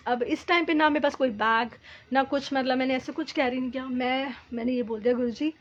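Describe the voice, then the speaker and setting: A woman telling a heartfelt devotional testimony, speaking earnestly and haltingly, with many fillers and English words mixed in. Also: high-pitched, steady tone, dull audio. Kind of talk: personal spiritual testimony.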